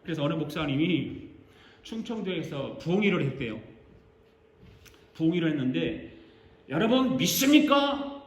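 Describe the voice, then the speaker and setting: Older male pastor preaching, playful and animated, in a roomy, reverberant church. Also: a little high, normal speed, pauses often. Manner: animated, joking, acts out congregation responses. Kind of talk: sermon. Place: church sanctuary. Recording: echoey church sanctuary.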